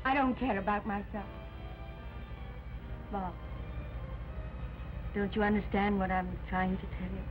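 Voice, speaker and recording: An actress playing a gentle, earnest young woman in wartime, speaking softly and earnestly in early talkie film sound. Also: mid-range voice, measured pace, long pauses. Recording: dull 1930 film soundtrack, faint music.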